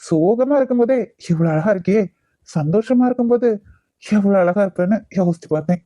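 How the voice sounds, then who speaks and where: A woman voicing a gentle, caring young man in a cartoon love story, talking in a soft, teasing and reassuring way. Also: mid-range voice, a little fast, dry recording, lightly acted. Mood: tender teasing. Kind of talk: cartoon voice acting.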